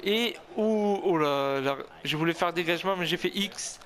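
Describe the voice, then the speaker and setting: A man giving excited, tense commentary on his own football video game, repeating words as he cheers himself on. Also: high voice, moderate pace, a little hiss or hum. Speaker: gaming video host.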